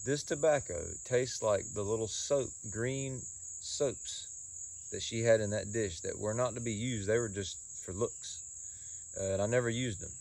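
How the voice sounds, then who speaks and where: A man giving a casual solo review in a folksy, halting way, often repeating words and pausing. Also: on the low side, gravelly, darkish tone, dry recording. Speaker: pipe tobacco reviewer.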